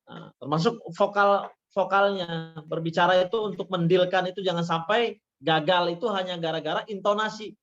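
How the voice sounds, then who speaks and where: A man's voice: high-pitched, normal speed, fairly bright tone. A man who is a university lecturer, giving a webinar talk through slides, who repeats his phrases and leans on fillers like "ya" and "nah". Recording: dull lo-fi webinar audio.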